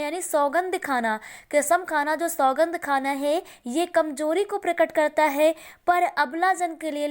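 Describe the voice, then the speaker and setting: High-voiced woman explaining a Hindi poem. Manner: reads verses slowly, then explains in plain words. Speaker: Hindi teacher.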